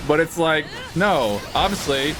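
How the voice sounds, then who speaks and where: A man's voice: a little high, lively intonation, unhurried, over music. A man streaming a video game with friends, joking sarcastically and swearing freely. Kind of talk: casual game-stream banter.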